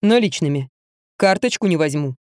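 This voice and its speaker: A woman voicing a calm, blunt young male fitness trainer who speaks curtly and matter-of-factly. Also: low-pitched, normal speed, dry recording, clean studio sound, pitched below the performer's own voice. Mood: cool. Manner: cool, curt, matter-of-fact.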